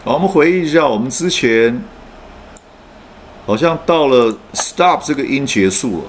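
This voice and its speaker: Lively man teaching pronunciation. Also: medium pitch, a little hiss or hum. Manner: explains patiently with frequent "oh" fillers, then models words slowly. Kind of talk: online pronunciation lesson.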